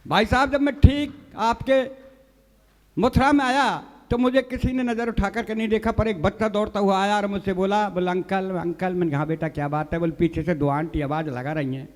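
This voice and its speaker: Speaking fairly quickly in a high voice with fairly even intonation, this comic poet tells funny stories and verse on stage at a poets' gathering, and the room sounds big. He plays out each character's lines and keeps turning to the crowd with "sahab."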